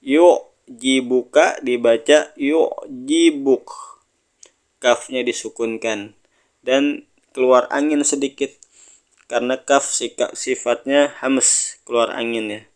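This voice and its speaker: A male teacher leads a step-by-step reading lesson at a slow, patient pace. His voice is smooth and resonant, and he draws each recited word out long before returning to plain, everyday explanation. He keeps inviting the listener to read along with him. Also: mid-range voice, steady tone. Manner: drawn-out sung recitation of words, then plain explanation.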